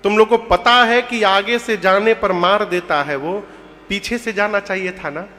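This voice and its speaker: A man's voice: sits high, a little slow, sharp tone, long reverb tail. A man voicing a scornful demon king who mocks and scolds his soldiers in a commanding tone, told within a devotional story. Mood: scolding.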